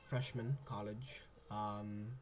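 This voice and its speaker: In a low-ish, fairly even voice, a young man from Indonesia, a college freshman who speaks Indonesian natively, haltingly vents about personal matters. He is slow, soft and introspective, searching for words with ums and restarts, over a little hiss or hum.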